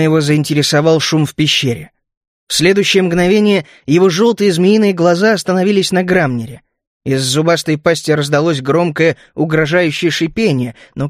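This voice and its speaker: A man narrating a fantasy audiobook in the first person, measured and vivid. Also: fairly high pitch, dry recording, studio quality.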